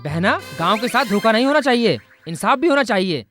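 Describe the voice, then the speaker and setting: A man dubbing a loud, mocking, scheming brother of the bride in a film. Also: high-pitched, very animated, fairly quick, over music. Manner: mocking, blustering, laughing. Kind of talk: Hindi film dub.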